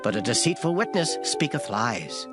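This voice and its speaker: In a dramatized Bible reading using formal old English of the King James style, the reader stays close to an everyday voice, medium-pitched with big pitch swings and a moderate pace. The delivery is emphatic and solemn, set against loud music.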